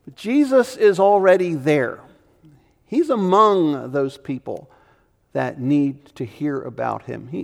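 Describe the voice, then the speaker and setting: A man preaching a sermon as pastor, emphatic, swinging between loud urgent lines and hushed ones. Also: on the high side, gravelly, long reverb tail.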